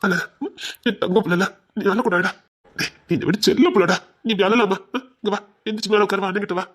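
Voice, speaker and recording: Man as a protective elder brother, Tirunelveli accent, soothing and emotional, fairly high voice. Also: fairly even intonation, quick pace, fairly bright tone. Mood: tender. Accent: Tirunelveli Tamil. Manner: soothing, emotional, repeats endearments. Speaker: elder brother in a family drama. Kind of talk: web serial acting.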